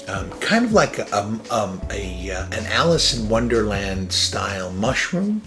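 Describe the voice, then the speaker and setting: Rambling lower-voiced man from Iran. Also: pushed and bright. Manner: rambling, filler-heavy, self-interrupting; chuckles between thoughts. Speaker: podcast host. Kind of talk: casual personal monologue.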